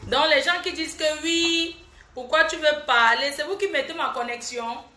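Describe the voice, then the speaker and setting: A woman's voice: high voice, moderate pace, sharp tone. An older woman, a grandmother streaming live at home, defiantly lecturing her critics in casual talk. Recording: echoey room with faint noise.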